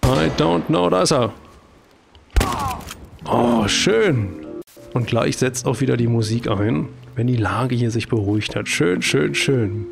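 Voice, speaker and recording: A man's voice: mid-range voice, slow, vocal fry, music in the background. A man with a German accent giving casual commentary as he plays a video game, chatty and talking to himself with jokey exclamations. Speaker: let's play host.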